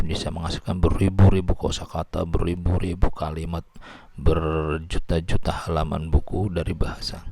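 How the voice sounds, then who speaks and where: A low-voiced man with a gravelly, creaky tone delivers a recorded lecture. He explains patiently, often repeating or restarting words. The sound is dry and close. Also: a little mellow, no room sound. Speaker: linguistics lecturer.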